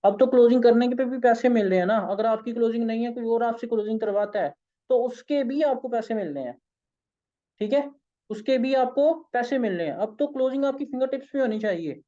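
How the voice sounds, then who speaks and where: A hoarse, tired man with a Pakistani accent, leading an online sales training session in an informal, coaxing way. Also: very high voice, a little fast, warm tone, dull audio. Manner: informal, coaxing, keeps saying "okay". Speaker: sales trainer and company founder.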